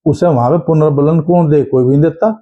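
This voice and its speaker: Animated male teacher, dull lo-fi sound. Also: on the high side, brisk. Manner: animated, asks and answers his own questions. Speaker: exam-prep teacher. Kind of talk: lecture. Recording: dull lo-fi audio.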